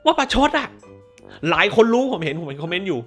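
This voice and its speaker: Animated, foul-mouthed ranting man. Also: high voice, fast, faint music behind. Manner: crude, profane and sarcastic. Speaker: movie review show host. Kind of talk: casual ranting film review.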